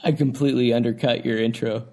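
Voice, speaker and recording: A man's voice: mid-range voice, fairly even intonation, quick pace, over loud music. A young man co-hosting a podcast, chatting casually and joking, with frequent fillers as he trails off. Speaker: podcast co-host. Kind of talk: casual chat.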